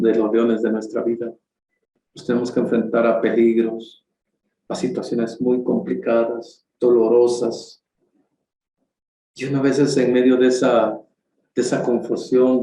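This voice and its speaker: A man preaching a sermon in church, earnest, rising in pitch for emphasis and often restarting his sentences. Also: mellow. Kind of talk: sermon over an online stream. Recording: echoey room with faint background hiss.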